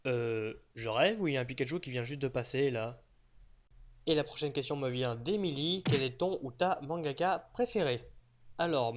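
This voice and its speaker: A man's voice: a little high, noisy background. A young man casually answering fan questions in a voice-over, joking and teasing with mock-serious asides. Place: unseen voice-over.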